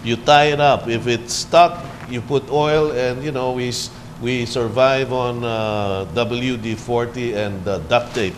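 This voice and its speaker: A man's voice: medium pitch, fairly even intonation, a little slow, few pauses, a little hiss or hum. A man from the Philippines hosting a cable TV interview, chatty and joking, with many fillers. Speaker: TV talk show host.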